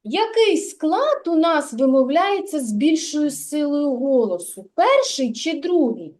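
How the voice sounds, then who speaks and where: Woman, kindergarten teacher; slow, patient, sing-song delivery for a classroom of small children. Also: high voice, big pitch swings, a little mellow. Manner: slow, drawn-out, sing-song repetition of words; patient, questioning and correcting children. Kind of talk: literacy lesson for young children.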